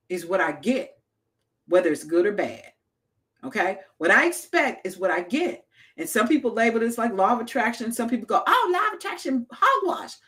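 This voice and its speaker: At a medium pitch, a woman talks casually to small business owners to motivate them, bringing her anecdotes to life and imitating the people she quotes.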